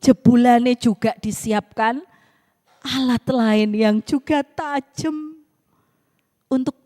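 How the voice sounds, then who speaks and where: A woman's voice: fairly high pitch, slow pace. A woman pastor tells a story in her sermon, chatting with the congregation and asking them questions. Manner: animated, conversational, asks the congregation questions. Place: church. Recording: reverberant church hall.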